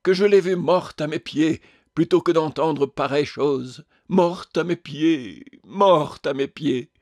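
A theatrical ghost tragedian, as a male narrator puts him on, declaiming in a raised, high-strung voice. His words come slow and heavy, and the recording is close and dry. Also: fairly even intonation, dry recording. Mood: despairing. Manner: declamatory, melodramatic.

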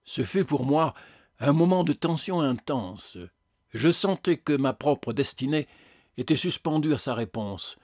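Man narrating a storybook in a measured way. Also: on the high side, lively intonation, darkish tone, no echo, clean studio sound. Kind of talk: audiobook narration.

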